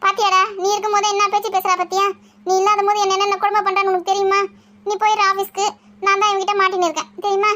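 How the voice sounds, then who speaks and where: A woman playing a nagging, sharp-tongued mother-in-law in a village family skit, scolding and taunting with quick retorts. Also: very high voice, level tone.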